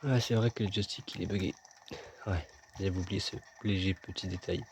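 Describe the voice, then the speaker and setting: Playing through a video game, a man who hosts gaming videos keeps up a casual stream of jokes and chatter aimed at himself and his viewers. His low voice holds a steady tone and moves fairly quickly, and there's a bit of background noise. The format is easygoing let's-play commentary.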